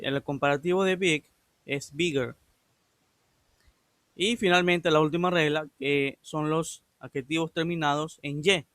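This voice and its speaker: A man's voice: on the high side, a bit bright, dry recording. A male English teacher giving a recorded lesson, patiently explaining and repeating grammar rules step by step. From Ecuador.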